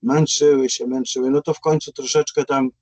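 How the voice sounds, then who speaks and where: Husky, hesitant male school principal. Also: medium pitch, level tone, a little fast, darkish tone, no echo. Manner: hesitant, full of fillers and restarts. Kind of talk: anecdotal webinar talk.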